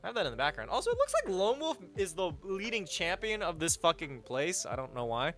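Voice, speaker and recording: A man's voice: high voice, wildly swooping pitch, fairly quick, fairly bright tone, faint music behind. A man streaming a game live, chatting crudely and joking with his chat, reading donations aloud. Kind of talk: casual live-stream chat while gaming. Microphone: headset mic.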